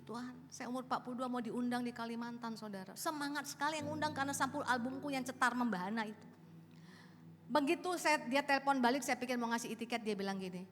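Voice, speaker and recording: A woman in her late fifties preaching a sermon as pastor, telling stories with animated bursts of loud exclamation. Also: on the high side, a little hiss or hum. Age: 50s. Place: large church auditorium. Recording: reverberant hall with music underneath.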